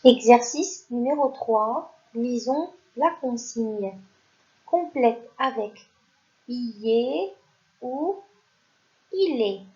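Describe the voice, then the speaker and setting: A woman teaching young children to read, spelling out words slowly and clearly, syllable by syllable. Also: fairly high pitch, lively intonation, mellow. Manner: slow, clear, stretches out syllables. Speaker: primary school teacher. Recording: dull lo-fi sound.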